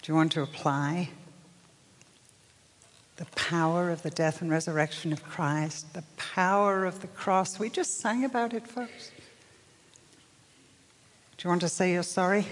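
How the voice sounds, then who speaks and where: An older woman telling a story in a sermon as a preacher, acting out the voices in it with lots of animation. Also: on the low side. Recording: long hall reverb.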